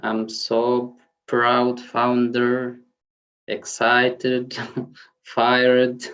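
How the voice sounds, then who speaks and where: Man on a video call from norway, slow and gushing, kinda muffled sound. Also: mid-range voice, completely flat delivery, a bit bright. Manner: slow, effusive, halting. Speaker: company member on a webinar. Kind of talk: casual testimonial.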